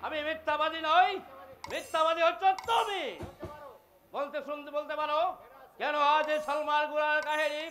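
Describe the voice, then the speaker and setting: A man's voice: very high voice, flat delivery, normal speed, music in the background. A man playing a scheming, resentful young prince in Bengali folk theatre, taunting and theatrical, with a Bengali accent. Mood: accusing. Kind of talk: historical Bengali jatra folk theatre acting.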